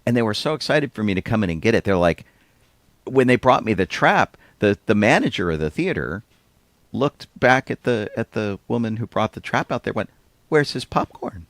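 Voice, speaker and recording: Deep gravelly man chatting casually. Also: very animated, brisk, fairly bright tone, no echo. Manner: rambling, chuckling storyteller. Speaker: podcast co-host. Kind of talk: casual chat.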